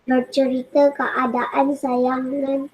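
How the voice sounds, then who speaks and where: A woman's voice: sits high, little pitch movement, slow pace, a little mellow, slight background noise, rough recording. A female pupil reading a text aloud in an online class, carefully, with small stumbles.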